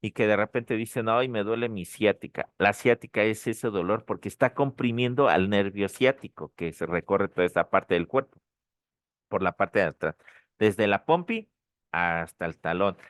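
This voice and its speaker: A man's voice: on the low side, normal speed, dry recording, clean studio sound. A man giving an online pharmacology lecture, repeating key points and checking in with his students. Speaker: pharmacology teacher. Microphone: dry close mic, online session.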